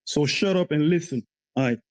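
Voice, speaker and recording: A man's voice: on the high side, moderate pace, rough recording. Blunt argumentative man in his fifties. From Ivory Coast, West Africa. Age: 50s. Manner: argumentative, blunt, slightly broken phrasing. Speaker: caller. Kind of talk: heated live audio chat.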